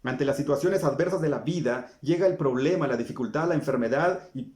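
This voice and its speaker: A man's voice: medium pitch, brisk, darkish tone. A man preaching a sermon in an earnest, pleading way, often stopping to ask his listeners questions. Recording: roomy echo.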